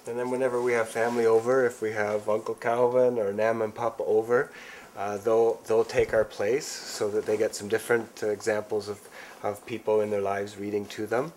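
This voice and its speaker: A man's voice: fairly low pitch, level tone, fairly quick, darkish tone, a little hiss or hum. A man in his thirties, a father, explaining family routines in a casual way.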